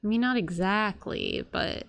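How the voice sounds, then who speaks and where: A woman streaming a video game with casual, reactive live commentary, expressive and full of exclamations. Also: mid-range voice, a little slow, slight background noise.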